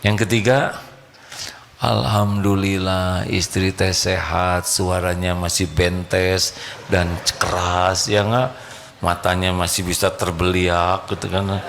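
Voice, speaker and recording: A man's voice: sits low, little pitch movement, slow, creaky, a bit bright, a little hiss or hum. A male preacher, giving a sermon and playfully quizzing his audience. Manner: playful, questioning the audience directly.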